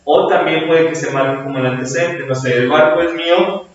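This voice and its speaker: A man with a Mexican Spanish accent teaches a grammar lesson to a class, often checking in with "right?" tag questions, in a lecture also filmed for viewers at home. His voice is on the high side and a little fast. The room is very echoey, he is far from the mic, and the sound is dull.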